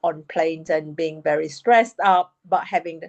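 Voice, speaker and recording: A woman in her fifties, a panel guest telling her life story in a frank, brisk, self-deprecating way. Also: low voice, muffled recording. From United Kingdom. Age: 50s. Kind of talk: candid storytelling.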